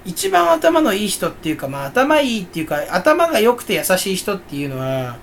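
A man rambles through a casual solo talk, jokey and self-mocking. His pitch jumps up and down a lot as he rambles. He talks as a channel host with no one else there. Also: wildly swooping pitch, fairly quick, slight background noise.

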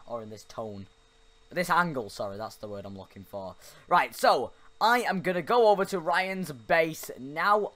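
Speaking closely into a desk mic, a young man gives chatty gameplay commentary for his YouTube channel, yelping and laughing at mishaps. His voice has a fairly high pitch and a fairly bright tone.

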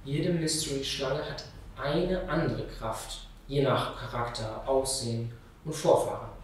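A man reading a children's story aloud in a steady, plain way. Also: medium pitch, measured pace, slight background noise. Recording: very echoey room, mic far off.

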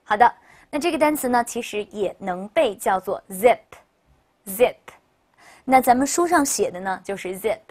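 A woman teacher with a slightly high, expressive voice runs a recorded English vocabulary lesson, explaining in Chinese in an upbeat, chatty way. She keeps tossing in a cheerful "OK, 好的" as she moves along, and draws each model word out slowly so learners can repeat it.

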